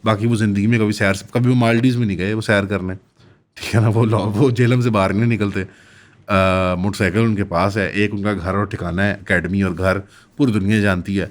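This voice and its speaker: A man's voice: lowish voice, fairly even intonation, normal speed. A man from Pakistan hosting a commentary channel, delivering an opinionated, critical monologue and mixing English phrases into his speech.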